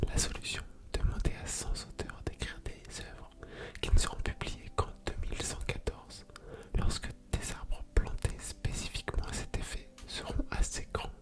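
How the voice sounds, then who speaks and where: A woman hosting ASMR in a soft, unvoiced library whisper, reading aloud and commenting casually. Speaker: ASMR video creator and host.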